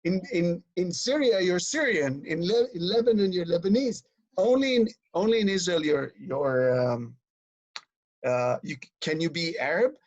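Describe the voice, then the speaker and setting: A man's voice: sits high, normal speed, no echo, muffled recording. A man speaking as a guest educator, explaining in a lecturing way that piles up example after example. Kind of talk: explanatory conversation.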